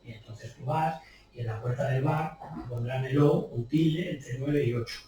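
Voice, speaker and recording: A man's voice: mid-range voice, normal speed, mellow. A man from Spain, a copy editor giving an informal public talk in a chatty, anecdotal way, tagging on rhetorical questions. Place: bookshop event room. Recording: distant, very echoey room recording in a bookshop.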